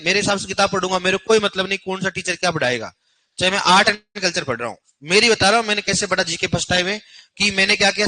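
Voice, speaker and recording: Young guy teaching agri coaching class, bright sharp voice, blunt and scolding. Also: high-pitched, low-quality recording. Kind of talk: classroom lecture scolding students.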